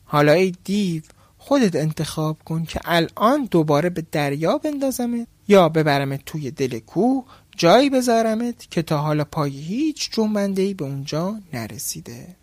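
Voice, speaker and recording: A man's voice: on the high side, animated, no echo. A man doing a sly clever fisherman. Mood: mocking. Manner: sly and mocking.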